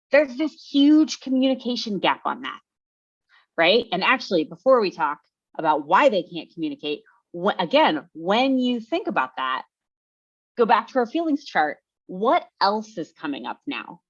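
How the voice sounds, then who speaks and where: A woman leads an online workshop with a lower-pitched voice, chatting casually and often tagging her points with a quick question to the group. The call audio is dull and lo-fi. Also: a bit bright. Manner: conversational, often tags sentences with "right?". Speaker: workshop presenter. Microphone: video call.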